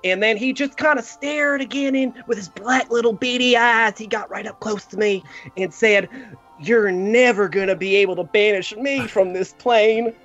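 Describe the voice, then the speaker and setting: A player voicing an earnest, bumbling holy brother who speaks in a halting, dramatic, pious way in a tabletop game. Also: mid-range voice, a bit bright, muffled recording, soft background music, lightly acted. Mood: shaken, determined.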